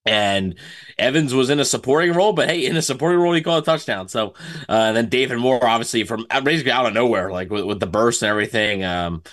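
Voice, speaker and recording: A man co-hosting a sports podcast, giving casual post-game analysis in a halting, conversational way. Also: mid-range voice, fairly bright tone.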